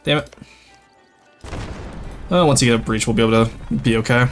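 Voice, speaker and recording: With soft music in the background, a young man from Quebec, Canada speaks in a mid-range voice at normal speed. He's a French Canadian streamer with a light Québécois accent, casually chatting with viewers as he plays a strategy game, reading chat and answering it in a chatty, relaxed livestream.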